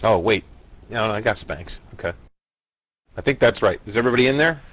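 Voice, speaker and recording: A man acting as game master, narrating a tabletop fantasy game casually in a halting, improvised way. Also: on the low side, expressive, fairly bright tone.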